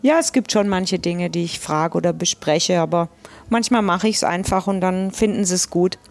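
A woman's voice: fairly low pitch, normal speed, creaky. A woman who runs a small family business, talking frankly and cheerfully in a casual interview. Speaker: family business owner, guest.

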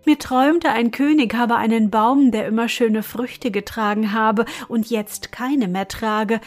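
A woman voicing the griffin's clever, kind wife, speaking higher and eagerly in a storybook tale. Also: steady tone, unhurried, faint music behind, lightly acted. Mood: earnest.

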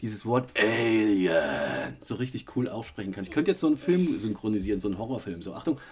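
This man has a cold, and his husky voice sits on the low side and moves a little fast. Hosting a casual family podcast with his child, he relaxedly retells a day out step by step, using many fillers.

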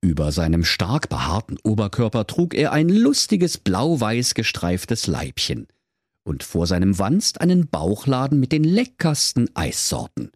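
A male storyteller reading a comic fairy tale with a low voice that rises and falls expressively. The recording is dry and close. His manner is playful and animated. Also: unhurried, husky, dry recording.

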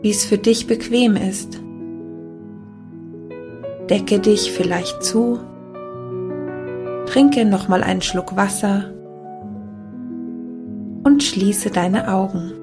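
A woman leading a guided meditation in a soft, calming, unhurried manner. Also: mid-range voice. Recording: background music behind the voice. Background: meditation music.

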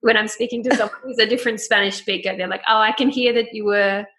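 Chatty young woman podcast host, bright tone, laughs a lot. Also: fairly high pitch, fairly even intonation, fast talker. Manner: chatty, laughs often, mimics phrases. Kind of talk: casual chat.

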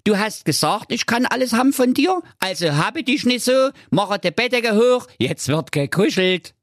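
A man's voice: high voice, big pitch swings, normal speed, no room sound, voice pushed up. A cheeky male frog, as a male storyteller puts him on, pushing his luck in a raised, wheedling voice that swings up and down. It is a sly, insistent storybook creature, recorded close and dry. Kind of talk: comic fairy-tale parody reading.

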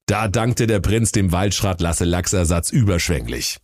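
A man's voice: deep voice, a little slow. A man narrating a comic fairy tale for radio with a dry, mock-solemn manner. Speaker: storyteller.

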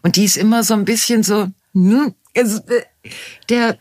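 A woman's voice: medium pitch, steady tone, normal speed, a little mellow. Chatty, enthusiastic woman podcaster. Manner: chatty and enthusiastic, often trails off and restarts. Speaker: podcast co-host. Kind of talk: casual chat. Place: at home.

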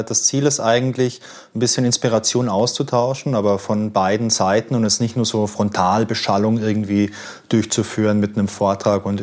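Low-voiced man hosting a company interview. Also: a little mellow. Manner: friendly, curious questioning with fillers. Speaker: host. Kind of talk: casual interview.

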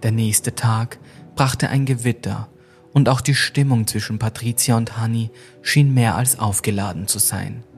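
A man's voice: on the low side, steady tone, a little slow. Man narrating a ghost story over faint music. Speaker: podcast narrator.

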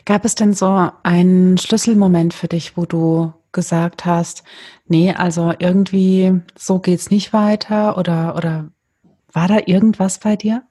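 A woman hosting her own podcast, welcoming a guest warmly and enthusiastically. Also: on the low side, fairly even intonation, unhurried, breathy edge, dry recording, clean studio sound. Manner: warm, enthusiastic, effusive. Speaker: podcast host. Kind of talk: podcast interview.

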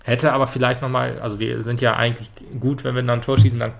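A man's voice: mid-range voice, flat delivery, quick pace, gravelly. A man co-hosting a casual football podcast, talking hesitantly with many fillers and restarts. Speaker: podcast co-host.

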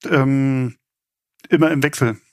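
A man's voice: medium pitch, steady tone, slow, clear, resonant tone, no room sound, clean studio sound. A man speaking as an informal game show host, chatty and explanatory as he runs a quiz. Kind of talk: casual game show hosting.

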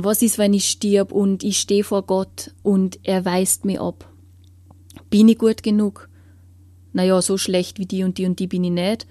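In an interview, a woman earnestly gives her personal testimony, her fairly low voice often sinking to a hushed whisper as she searches for words. There is no room sound.

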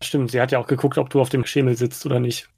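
A man playing a tabletop role-playing game, talking casually and haltingly as he improvises. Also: mid-range voice, flat delivery, vocal fry, darkish tone, breathy edge, no echo.

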